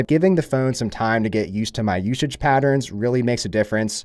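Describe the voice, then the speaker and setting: A man's voice: mid-range voice, darkish tone, dry recording, studio quality. A man giving a casual, upbeat product review in a conversational, approving way. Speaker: tech reviewer.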